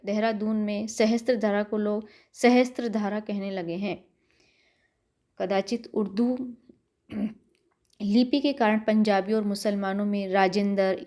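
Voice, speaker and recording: A middle-aged woman lecturing to university students in a calm, measured way. Her voice is mellow and warm, and she repeats words slowly to show how they are pronounced. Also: medium pitch. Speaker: college lecturer.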